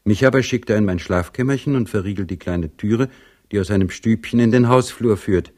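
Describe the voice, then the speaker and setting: Man reading as a young serf, earnest, wistful, low husky voice, audiobook. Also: a little fast, darkish tone, natural voice. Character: young male serf dreaming of freedom.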